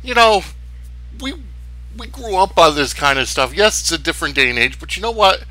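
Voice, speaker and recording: A man's voice: on the high side, big pitch swings, fairly quick, bright, forceful tone, soft background music. A man hosting a sports podcast solo, talking casually in a rambling, opinionated way. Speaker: sports wrestling podcast host.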